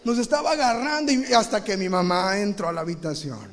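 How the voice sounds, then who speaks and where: Recorded during a service in a large church, a male pastor preaches live at a brisk pace, telling a lively, comic story and acting out scenes with shouted sound effects. His voice is high for a man and trails a long hall reverb.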